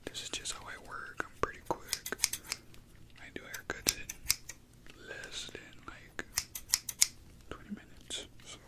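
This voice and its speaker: A man's voice: a little slow, long pauses. A young man doing a whispered role-play as a barber, chatting casually with slang to the listener in a small room at home. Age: young adult. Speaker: ASMR creator playing a barber.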